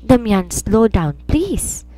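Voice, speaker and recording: A woman's voice: mid-range voice, sing-song, very slow, dark tone, pitched above the performer's own voice. A woman voicing a desperate young woman pleading with the man she loves in an audio romance story. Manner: pleading, emotional.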